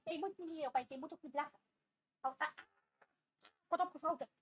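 High playful woman talking to her dog. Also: a little fast. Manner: playful baby talk with frequent laughs. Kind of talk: casual vlog talking to a pet. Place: home with a dog.

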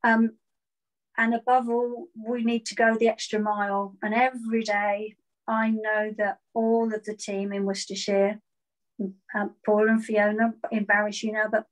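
A virtual school's head teacher, a woman, takes interview questions on a video call from a room at home. Earnest in her replies, she tends to repeat words when starting each thought; her pitch is medium and the audio is rough.

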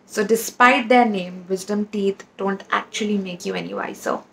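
A woman's voice: medium pitch, normal speed, gravelly, noisy background. A woman hosting a dental channel who says she sounds sleepy this early in the morning. She delivers scripted educational narration in an upbeat, playful, punny manner.

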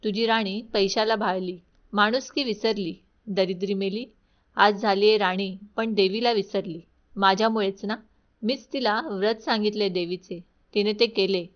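A woman's voice: mid-range voice, steady tone, moderate pace, close to an everyday voice. A woman voicing a bitter old beggar woman. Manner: scolding, bitter. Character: angry poor old woman beggar with a stick. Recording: dull lo-fi recording.

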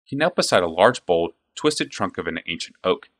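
A man narrating a fantasy audiobook with an expressive, varied delivery. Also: low voice, normal speed.

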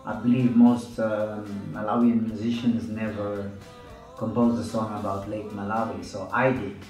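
A man in his thirties, a musician from Zambia, answering interview questions in a relaxed, unhurried way with fillers. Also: on the low side. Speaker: musician guest. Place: small studio room, indoors. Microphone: studio mic on stand, headphones. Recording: roomy, slightly distant mic with music underneath.

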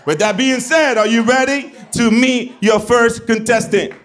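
The audience laughs and claps through this live club recording of a comedian in his forties, Puerto Rican with a New York accent, hosting a game show and loudly, profanely teasing the crowd into a handheld mic. His pitch is extremely high, his tone steady, and his pace measured.

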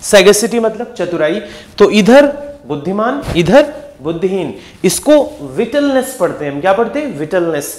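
A young man teaching English vocabulary for exams in an energetic lesson, repeating each word and firing quick questions at his students. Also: sits high. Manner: lively, repeats words and asks quick questions to the class. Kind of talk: energetic exam-prep lesson.

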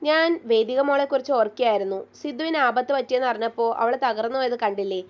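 A woman's voice: fairly high pitch, quick pace, lo-fi sound, close to an everyday voice. A woman voicing an earnest, caring mother who speaks with firm persuasion in a read-aloud story.

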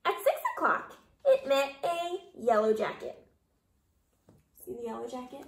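A young adult woman reads a children's story aloud to kindergarteners in a small living room, pausing to ask her young listeners questions. She sounds animated and expressive, and her voice sits high. A camera a short distance away records it, giving roomy home audio with a little hiss or hum.

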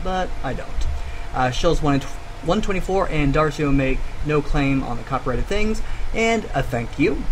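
A man with a slightly high voice gives casual gameplay commentary. He talks as the host, reading game text aloud as he goes. A fan hums faintly behind him. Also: poor audio. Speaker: gaming video host. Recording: steady loud fan hum behind the voice. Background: fan noise.

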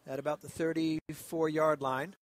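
High-voiced play-by-play man. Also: flat delivery, moderate pace. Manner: conversational, rambling with fillers. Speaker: play-by-play announcer. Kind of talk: sports commentary.

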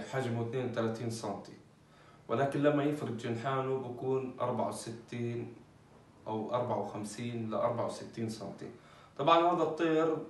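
A man's voice: mid-range voice, a little mellow, distant mic, slight background noise. Man, casual bird vlogger, talks loosely with fillers, roomy echo, set back from the mic. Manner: chatty, many fillers, talks while handling birds. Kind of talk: casual informative vlog. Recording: echoey, off-mic with faint ambience.

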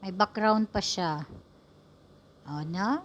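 Woman from the Philippines, unhurried casual voice-over, playful teasing, muffled lo-fi recording. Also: mid-range voice, slight background noise. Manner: playful, teasing running commentary to viewers. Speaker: vlogger narrating a video.

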